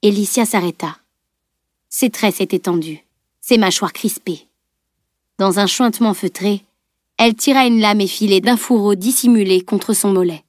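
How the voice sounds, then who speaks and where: A woman narrating a fantasy novel aloud in steady, measured storytelling. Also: mid-range voice, no echo, studio quality. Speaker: audiobook narrator. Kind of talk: scripted audiobook narration.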